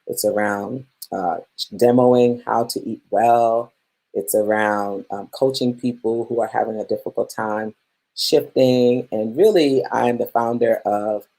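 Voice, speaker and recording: Born in Guyana and raised in Brooklyn, this plant-based chef and health coach hosts a live-streamed masterclass. Her very deep, warm voice sounds upbeat and chatty as she greets viewers by name.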